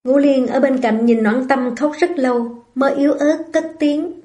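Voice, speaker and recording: A woman giving scripted novel narration as an audiobook narrator, in an even storytelling way. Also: sits high, normal speed, faint music behind.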